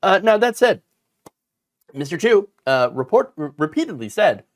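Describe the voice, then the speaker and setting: A man hosting casual political commentary, sarcastic and animated, mocking politicians with put-on quotes. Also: sits high, normal speed.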